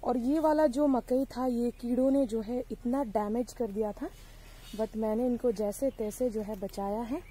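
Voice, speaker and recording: Filming a garden tour vlog on her handheld phone, a young woman chats to viewers as if they were friends, filling her speech with fillers as she walks her sunny vegetable patch, hot and irritated by sun and mosquitoes. Her slightly high voice is mellow and husky, with fairly even intonation and a measured pace. The recording quality is rough.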